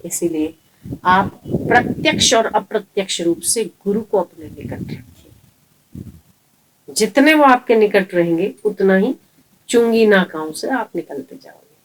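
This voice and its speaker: A woman's voice: medium pitch, a little slow, long pauses, a little hiss or hum. A woman preacher giving a sermon, telling parables and asking rhetorical questions. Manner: lively storytelling, rhetorical questions. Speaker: spiritual preacher.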